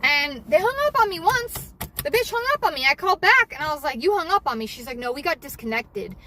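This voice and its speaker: A woman's voice: high voice, sing-song, a little fast, pushed and bright, slight background noise. A woman vlogging casually from her car while doing deliveries, venting angrily and swearing heavily about a bad hotel. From Southern California. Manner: angry venting, heavy swearing. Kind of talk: casual livestream chat while driving.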